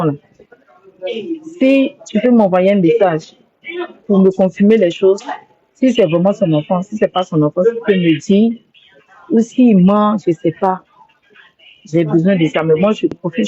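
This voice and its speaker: Speaking on a live stream, a woman who livestreams on social media rambles and repeats herself through an emotional apology. Her voice is fairly low in pitch and mellow, captured as dull, lo-fi phone audio.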